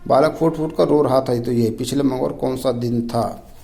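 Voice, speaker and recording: A man's voice: medium pitch, steady tone, normal speed, creaky, warm tone, poor audio. A man tutoring Hindi exam questions, reading each option aloud and naming the wrong one. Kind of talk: rapid quiz walkthrough.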